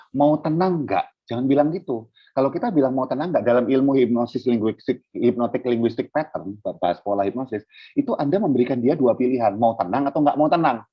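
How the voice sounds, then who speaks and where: Man guest speaker on a video call, husky and conversational, dull muffled sound. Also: medium pitch. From Indonesia. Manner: explains in a relaxed, conversational way, acting out what a parent says to a child. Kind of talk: casual parenting talk over video call.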